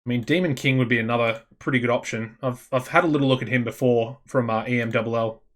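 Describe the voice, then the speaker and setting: An Australian man chatting casually as he plays a management game, thinking aloud and getting excitable. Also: medium pitch, fast talker. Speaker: gaming channel host.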